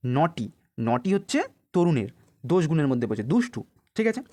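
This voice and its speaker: A male tutor with a fairly high voice that rises and falls a great deal as he walks young students through exam answers. He reads sample sentences out slowly, one word at a time, explains them, and keeps asking whether the class has understood. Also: big pitch swings, a little mellow. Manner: explains each answer, then checks with "okay?". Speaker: English tutor. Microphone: voice-over on a worked answer sheet.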